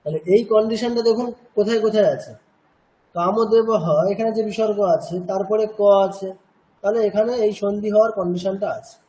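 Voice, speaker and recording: A man's voice: high-pitched, fairly even intonation, mellow, rough recording. A man teaching a Sanskrit chanting class, patiently explaining pronunciation rules and checking that students follow. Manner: patient, checks understanding with repeated questions; slowly demonstrates chanted syllables. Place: cultural centre classroom.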